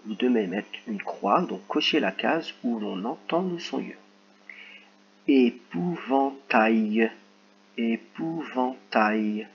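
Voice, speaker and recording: A man teaching a recorded phonics lesson to young children, dictating words slowly and clearly. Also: medium pitch, animated, highs cut off. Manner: slow, carefully articulated word dictation.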